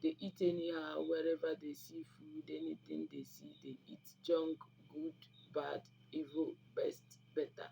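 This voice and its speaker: Her deep, warm voice swings widely in pitch, moves a little slowly, and has vocal fry. She is a native Igbo speaker with a Nigerian Igbo accent, hosting an online video with herbal remedy advice, talking casually and instructively to viewers in a preachy, emphatic style and repeating phrases for stress. The recording is rough, with noticeable background noise.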